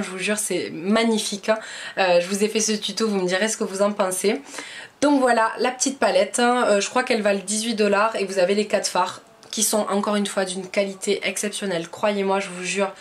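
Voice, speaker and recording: There's slight background noise as a young woman with a French accent talks to camera about her beauty shopping haul. This vlogger has a mid-range voice and keeps the chat casual, enthusiastic and full of fillers.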